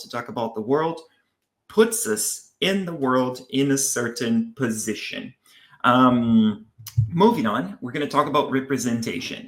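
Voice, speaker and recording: A man from Brazil giving a conference talk to teachers, pausing often with ums and restarting his sentences. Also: medium pitch, fairly bright tone. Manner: hesitant, with many ums and restarts. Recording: roomy echo.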